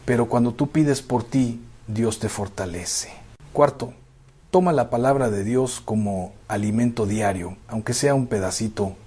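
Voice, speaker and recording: A man preaching a sermon to parents, addressing listeners as brothers and sisters in a slow, emphatic pastoral manner. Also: mid-range voice, mellow, husky.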